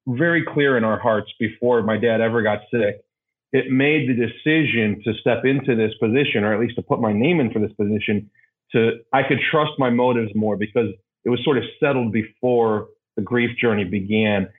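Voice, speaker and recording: Male podcast guest, mid pitch, reflective and hesitant with frequent restarts; tinny phone-quality audio. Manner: halting, searching for words with many restarts.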